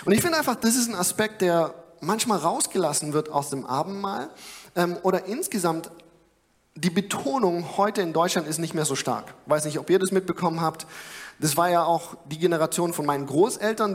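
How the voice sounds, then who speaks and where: High-voiced young man preaching in a hall. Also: fairly quick. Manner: earnest, conversational, with frequent fillers. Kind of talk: sermon. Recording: long hall reverb.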